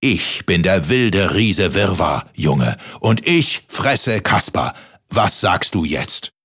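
A man voicing a huge, gruff male giant in a children's story, bellowing threats and insults. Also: low voice, very animated, takes it slowly, a bit bright, full character voice. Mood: menacing. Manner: bellowing, threatening, name-calling.

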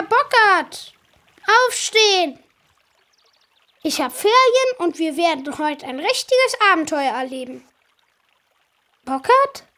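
A woman's voice: sits high, fairly bright tone, dry recording, full character voice. A woman playing a playful, cheeky young water sprite boy in a children's audio drama. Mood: excited.

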